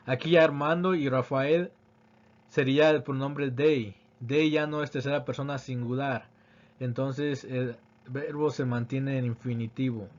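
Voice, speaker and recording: A man teaching English grammar, reading example sentences slowly and then translating them. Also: mid-range voice, steady tone, dull audio. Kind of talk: grammar lesson explaining examples.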